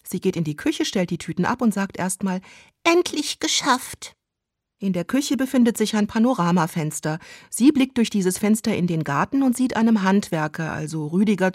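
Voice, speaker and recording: A woman's voice: mid-range voice, darkish tone, no echo. A woman comedian telling a comic story in a dry, matter-of-fact way.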